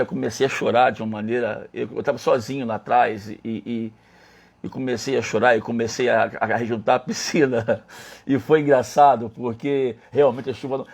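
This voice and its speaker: A man, a pastor, telling a personal story in a sermon with animated, stammering delivery. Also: medium pitch, vocal fry, slightly rough. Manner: animated storytelling, stammering restarts, laughing at himself. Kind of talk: sermon testimony.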